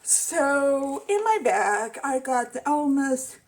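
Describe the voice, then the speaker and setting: A woman's voice: high-pitched, sing-song, slow pace, low-quality recording. A woman beauty vlogger chatting casually as she reviews her monthly makeup bag, hesitant and full of fillers. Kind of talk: casual product review chat.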